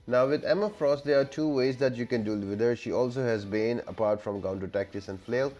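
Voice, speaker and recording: A game guide video creator narrates a gameplay tutorial step by step in an instructional voice-over, with music playing in the background. His voice is medium in pitch, a little mellow, and a little fast.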